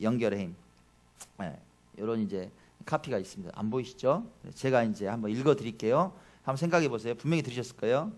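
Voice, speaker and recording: A man preaching a Sunday sermon as pastor, who often asks the congregation questions and swings between loud declarations and low asides. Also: lively intonation, quick pace.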